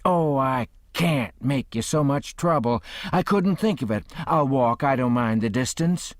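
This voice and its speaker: A man voicing a cheeky young trickster who pleads in a mock-innocent, earnest way, higher than his own voice. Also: lively intonation, measured pace, dry recording, clean studio sound, close to an everyday voice. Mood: polite.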